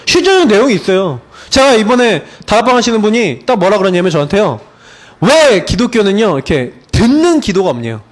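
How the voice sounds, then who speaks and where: A male pastor delivers a sermon in a fairly high voice. His pitch swings widely as he talks with the congregation, throwing in rhetorical questions. He keeps the tone easy and conversational. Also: very animated, a little fast.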